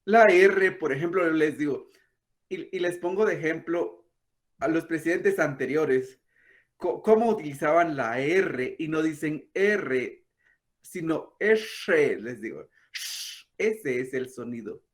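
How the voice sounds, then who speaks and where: A man, a language teacher patiently explaining and softly demonstrating throaty sounds. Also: fairly high pitch, animated, slow pace. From Guatemala. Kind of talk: explanatory talk.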